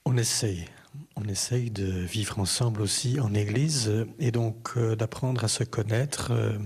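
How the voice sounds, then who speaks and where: A male bishop answers a radio interview in a husky, somewhat low voice. He speaks thoughtfully and pauses often between phrases. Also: steady tone, a little mellow. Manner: thoughtful, pausing.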